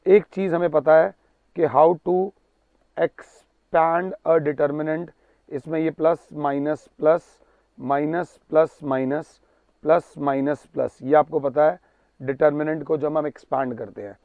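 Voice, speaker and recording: A man teaching a maths lesson, emphatic and pleading, reading out numbers slowly. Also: a little high, steady tone, no echo. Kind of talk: classroom lecture. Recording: tinny narrow-band sound, dry.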